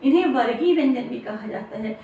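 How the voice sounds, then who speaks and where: A woman with a high voice teaches an exam-prep grammar lesson, repeating each term and checking in with her listeners. She sounds set back from the mic in a strongly echoing room, with faint hiss underneath. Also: lively intonation, a little fast, dark tone. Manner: repeats terms, checks with "theek hai". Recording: very echoey room, distant mic.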